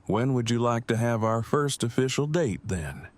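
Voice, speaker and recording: Playing a verbose, earnest nerd newly in love, an actor in an audio drama uses formal, exact wording with a lightly acted, animated delivery. The medium-pitched voice moves at normal speed, sounding awkward but agreeable.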